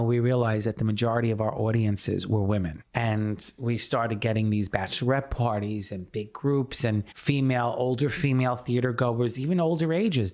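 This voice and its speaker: A man as an interview guest, telling his story in a casual, animated way and often restarting his sentences. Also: mid-range voice. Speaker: theater producer and playwright guest.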